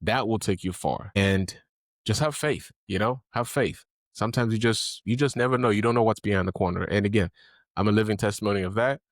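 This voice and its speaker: A man's voice: lowish voice, brisk, no echo, clean studio sound. A man from Haiti hosting an interview podcast, speaking in an earnest, encouraging way with many fillers. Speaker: podcast host.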